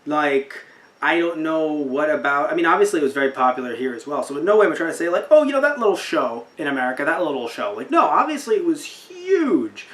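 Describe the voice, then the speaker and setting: A young man hosting a podcast talks fast about anime, his slightly high voice swinging widely in pitch. He rambles incredulously and circles back to repeat himself often. He sits away from the mic in an echoey room.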